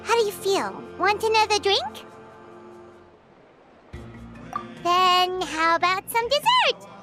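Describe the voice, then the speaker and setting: Squeaky, very high, excitable little fairy Paimon. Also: female voice, a little slow, soft background music, heavily acted. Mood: eager, chatty. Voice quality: squeaky, childlike. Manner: refers to self in third person, exclamatory. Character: tiny childlike female fairy companion, excitable, greedy for food. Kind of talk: video game character acting.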